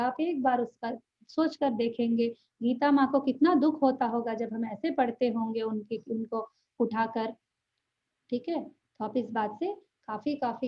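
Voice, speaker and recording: A woman teaching a language class online. She talks earnestly, checks in often with her students and draws out sounds slowly to show how they are said. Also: a little high, muffled recording. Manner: earnest, checks in often with "ठीक है", drawn-out pronunciation demonstrations. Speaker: Sanskrit teacher.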